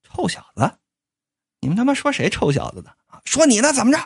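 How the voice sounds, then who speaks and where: Woman doing a cocky young guy, swaggering, stammering, lively swooping pitch. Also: normal speed. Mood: belligerent. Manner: swaggering, quarrelsome, bursts into flustered stammering. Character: brash cocky young man back from the dead. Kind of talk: comic storytelling.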